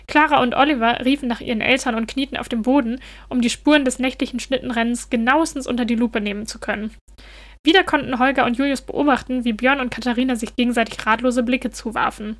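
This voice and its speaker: Woman, storybook narrator, scripted reading, gentle, even, slightly high pitch.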